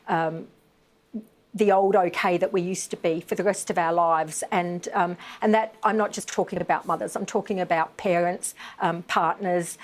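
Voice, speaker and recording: On live television, a middle-aged veterans' advocate who lost a child speaks with fervor and emphasis, filling her speech with fillers. Her voice is on the low side and a little mellow.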